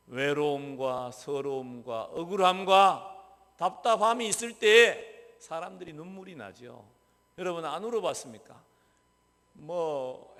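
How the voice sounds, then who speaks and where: A man pastor preaching a sermon in a church, questioning the congregation and answering himself, dropping from loud emphasis to soft asides. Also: high voice. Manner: swings between loud emphasis and soft, near-whispered asides. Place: church sanctuary. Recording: long reverb of a church hall.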